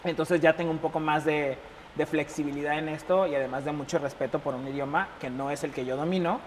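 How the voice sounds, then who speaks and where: A young Mexican man with a Mexican accent, chatting casually as an interview guest and telling stories with lively acted-out dialogue. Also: on the high side, quick pace. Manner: animated, acts out quoted dialogue, laughs often. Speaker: embassy chef, interview guest. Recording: reverberant room with faint noise.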